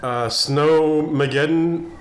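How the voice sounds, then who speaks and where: A man's voice: fairly high pitch, steady tone, takes it slowly, soft background music. A man in his forties chatting casually to a handheld camera in his garage, rambling and easygoing. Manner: rambling, easygoing, restarts sentences. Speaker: family vlogger. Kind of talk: casual vlog chat. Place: garage at home, indoors. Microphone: handheld camera close to face. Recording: noisy home camera audio.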